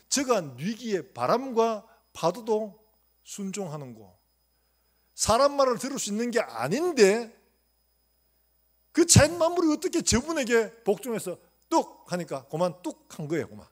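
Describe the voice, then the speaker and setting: Male pastor, sermon in a church, slightly high voice, quizzes the congregation. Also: very animated, brisk. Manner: questions the congregation and acts out quotes.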